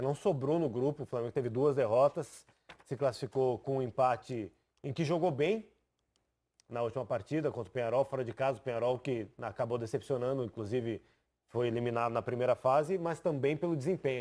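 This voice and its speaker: A man presenting a TV sports analysis in a studio, explaining lively and pointing at graphics. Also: mid-range voice.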